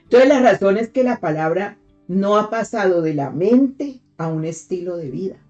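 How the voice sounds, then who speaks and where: A preacher leads a morning devotional in a warm, mellow voice at a middle pitch. The delivery is patient and methodical, with rhetorical questions and key lines said again for emphasis. A soft guitar plays quietly underneath. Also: lo-fi sound. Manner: teaches step by step with rhetorical questions; repeats key phrases for emphasis. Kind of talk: devotional sermon.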